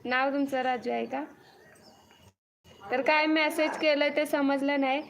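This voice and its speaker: A crowd can be heard behind a young woman whose high, gravelly voice stays level and runs a little slow. She hosts a casual live stream from her farm home with a cattle shed nearby, greeting viewers individually, reading their comments aloud and thanking each by name again and again.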